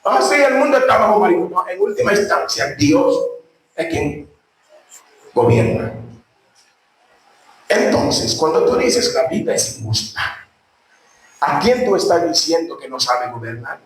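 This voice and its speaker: A man preaching a sermon emphatically, repeating lines and swinging between shouts and quiet, low tones. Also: sing-song, a little slow, long pauses, a crowd in the background. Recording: echoey room from far off, faint noise.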